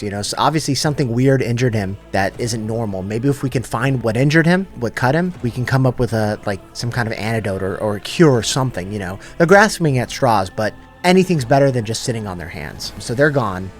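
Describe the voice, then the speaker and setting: A man's voice: medium pitch, animated, brisk, hardly any pauses, faint music behind. A man casually retelling a long story in loose, slangy everyday speech, paraphrasing the characters as he goes. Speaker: lore channel host. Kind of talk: casual abridged lore retelling.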